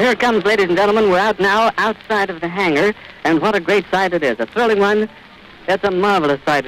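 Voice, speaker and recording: A male radio reporter giving vivid, urgent live commentary outdoors at an airfield, pausing to catch his breath. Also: high-pitched, a bit bright, low-quality recording. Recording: old 1930s archive radio recording with hiss.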